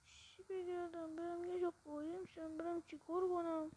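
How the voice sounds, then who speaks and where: A woman's voice: very high-pitched, level tone, warm tone. A woman giving casual commentary on a horror game, jumpy and panicky, often repeating questions to herself. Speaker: gameplay video host. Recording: muffled lo-fi recording.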